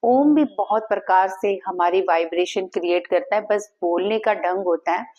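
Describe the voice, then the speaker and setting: A woman teaching Reiki, guiding listeners through breathing and a meditation in a calm, steady way, with repeated chanted words. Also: medium pitch, moderate pace, highs cut off. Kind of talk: guided meditation instruction.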